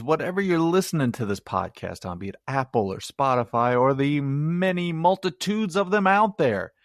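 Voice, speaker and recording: A man's voice: medium pitch, dry recording, studio quality. A man hosting his own movie review podcast, chatty and rambling, with self-mocking asides. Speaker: podcast host.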